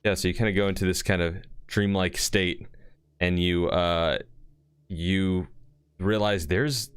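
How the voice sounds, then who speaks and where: A man runs a tabletop game as its dungeon master, his voice very low and smooth. He drifts through his descriptions slowly, leaning on fillers and restarts, with faint music underneath. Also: steady tone, no echo. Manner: loose, rambling description full of fillers.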